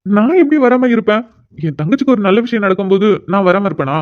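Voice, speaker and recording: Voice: medium pitch, animated, dull audio, close to an everyday voice. A performer voicing a caring older brother who teases and comforts his sister, in a cartoon. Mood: reassuring. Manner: teasing, reassuring, quick. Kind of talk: cartoon voice acting.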